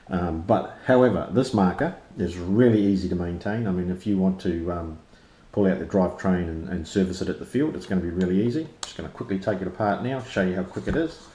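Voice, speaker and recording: Deep, mellow man with broad Kiwi accent. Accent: broad New Zealand. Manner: informal, slangy. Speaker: product reviewer and interviewer. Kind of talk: casual unscripted review chat. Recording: roomy, echoey sound.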